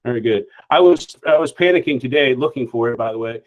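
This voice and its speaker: A man leading a state office, giving informal, halting remarks at a virtual award ceremony. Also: medium pitch. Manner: informal, halting, lots of "uh" and repeated words. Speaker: state office executive director presenting an award. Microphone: video call. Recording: lo-fi video call audio.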